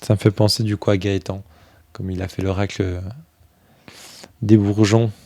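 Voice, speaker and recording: A man chatting casually through a review of a tarot deck, filling pauses with "euh" and thinking aloud as he goes. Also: on the low side, level tone, a little mellow, no room sound. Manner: chatty, many fillers, thinks aloud while flipping cards.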